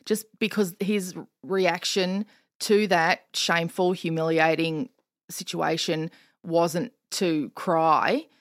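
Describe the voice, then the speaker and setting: A woman's voice: fairly low pitch, slow, dry recording. An Australian woman chatting casually as a podcast guest, telling stories with lots of laughter. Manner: animated storyteller, laughs often. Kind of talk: casual chat. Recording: dry studio sound.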